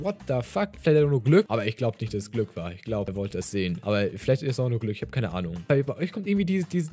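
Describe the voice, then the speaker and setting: A man's voice: mid-range voice, darkish tone, breathy edge. A young man commentating a Minecraft game for his channel, rambling and often correcting himself. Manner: rambling, self-correcting, many restarts. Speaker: gaming YouTuber. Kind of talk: Minecraft let's play commentary. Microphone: desk microphone.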